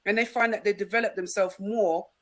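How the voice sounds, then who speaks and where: A woman relationship coach explains her advice on a panel over a video call, in a steady, instructive way. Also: medium pitch, a little fast. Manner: advising, explanatory. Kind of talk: casual panel discussion.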